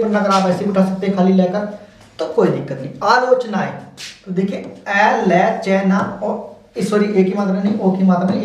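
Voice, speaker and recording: A man's voice: high-pitched, a little mellow, a little hiss or hum. A man teaching shorthand step by step, explaining patiently and repeating each word as he goes. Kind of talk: step-by-step stenography lesson. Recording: very echoey room, mic far off.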